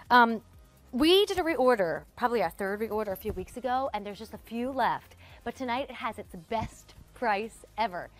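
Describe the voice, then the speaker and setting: A woman's voice: on the high side, fairly bright tone. Upbeat woman hosting TV shopping. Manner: chatty, upbeat sales patter addressing viewers directly. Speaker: shopping channel host. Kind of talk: live TV shopping presentation.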